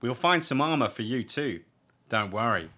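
Casting: man doing jovial uncle, bright, slow, joking. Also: mid-range voice, expressive, voice pushed up.

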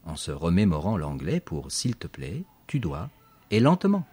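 A man reads a children's story aloud as narrator. His voice sits very low with a husky grain. He tells it with lively, animated emphasis. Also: normal speed. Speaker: audiobook narrator.

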